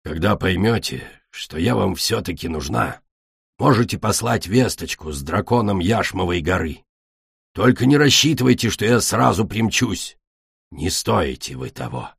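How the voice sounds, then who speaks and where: Brief: male narrator as a gruff, cold mother dragon, husky and low, dry close recording. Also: animated, moderate pace, dry recording, heavily acted. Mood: scornful. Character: harsh, bitter adult female dragon, a mother.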